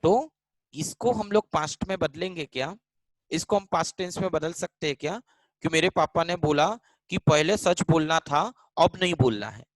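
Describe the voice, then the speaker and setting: A man's voice: a little high, moderate pace, no room sound, rough recording. A man teaching English grammar in a live online class in Hindi, mixing in English, repeating lines and calling students by name. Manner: switches between Hindi and English mid-sentence.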